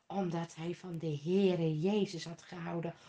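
A woman's voice: lowish voice, steady tone, measured pace, mellow. A woman telling a Bible story to children, emphatic, asking questions and answering them herself.

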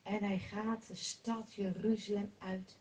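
A woman telling a Bible story expressively, swinging from emphatic to hushed. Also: mid-range voice, little pitch movement, slow, slight background noise.

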